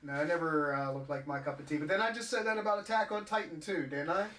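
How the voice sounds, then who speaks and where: A man in casual chat with friends, playful and quick to swear and joke. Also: on the high side, fairly bright tone. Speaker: podcast co-host. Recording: roomy echo, distant mic.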